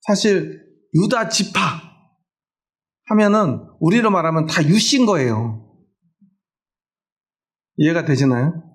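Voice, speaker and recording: A man's voice: on the high side, animated, takes it slowly, long pauses. A middle-aged male pastor preaching a sermon in a conversational way, often asking the congregation questions.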